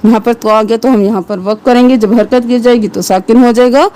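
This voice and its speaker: A woman teaching tajweed, spelling out letters and vowel marks and then reciting the verse slowly and drawn out. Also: fairly high pitch, fairly even intonation, mellow.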